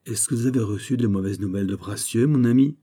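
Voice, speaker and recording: A man voicing D'Artagnan, a shrewd musketeer, teasing and quick-witted. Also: lowish voice, mellow, husky. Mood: probing. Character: shrewd ironic male musketeer.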